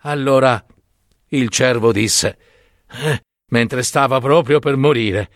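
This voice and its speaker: A man reading fables aloud as a storyteller, expressive and lingering. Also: medium pitch, takes it slowly, no room sound, clean studio sound.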